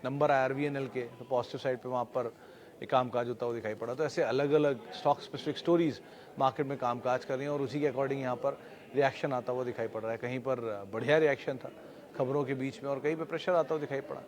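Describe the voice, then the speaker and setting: Male market show host, mid-pitched, steady explainer with filler pauses. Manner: steady explanatory delivery with frequent filler hesitations. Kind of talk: daily stock market wrap-up.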